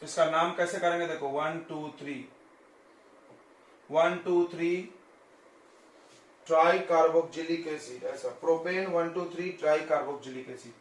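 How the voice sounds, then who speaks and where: A man's voice: a little high, fairly even intonation, unhurried, pauses often, far from the mic. A male chemistry teacher giving a classroom lecture, explaining step by step and often checking that students follow. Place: coaching classroom. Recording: echoey classroom.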